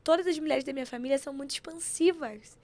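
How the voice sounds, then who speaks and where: A woman telling stories in an animated, preachy way, acting out quotes as she chats on a podcast. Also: high voice, quick pace. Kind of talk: casual chat.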